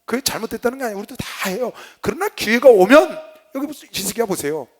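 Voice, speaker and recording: Male pastor preaching, fervent, quick delivery, high voice, loud then quiet. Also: big pitch swings. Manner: fervent, swings between loud exhortation and quiet asides; tells personal stories with laughter. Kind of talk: Bible lecture sermon.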